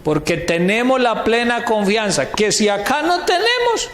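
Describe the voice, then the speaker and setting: High-voiced pastor preaching in an echoey hall. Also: male voice, very animated, measured pace, fairly bright tone. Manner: asks the congregation questions and answers them himself; keeps addressing listeners as "brother". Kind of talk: sermon. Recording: echoey hall with long reverb, faint noise.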